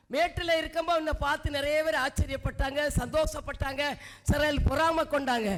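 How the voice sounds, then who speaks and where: Woman preacher from India, high voice, fervent exhortation, call-and-response with the congregation. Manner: fervent, exhorting, swings between loud cries and low murmurs.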